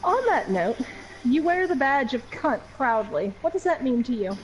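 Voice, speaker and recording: A woman's voice: sits high, very animated, moderate pace, faint music behind, rough recording. A woman interviewer with a dry, teasing manner, asking questions in an in-character interview.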